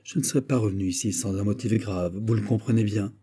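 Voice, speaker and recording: Brief: anxious noble marquise, voiced by a man, earnest and soft, dark and husky. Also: fairly low pitch, fast talker.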